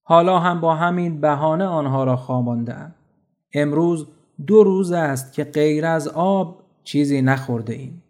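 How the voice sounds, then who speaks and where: A man's voice: on the high side, darkish tone, close to an everyday voice. A man voicing a grieving poor widow. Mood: pleading. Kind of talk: storybook narration.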